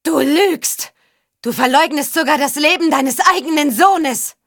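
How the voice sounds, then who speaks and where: Woman reading anguished young noblewoman, shrill cracking shouts, high voice, audiobook. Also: a little slow, no echo, studio quality. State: voice near breaking, shouting. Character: distraught young noblewoman, grieving mother.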